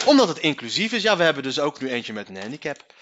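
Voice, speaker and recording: Brash high-voiced young man ranting. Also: big pitch swings, a little fast, lo-fi sound, noisy background. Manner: crude, mocking, laughs often. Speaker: streamer reacting to a news item. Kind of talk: casual profane commentary.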